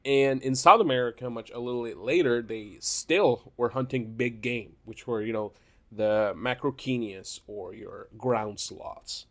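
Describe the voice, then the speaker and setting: A man's voice: medium pitch, measured pace, fairly bright tone. A young man hosting his own tier-list channel while sick, his voice stuffed up and nasal. He rambles in a casual, unscripted way, restarting phrases and circling back as he goes. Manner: rambling, self-correcting, laughs between phrases. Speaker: YouTube channel host.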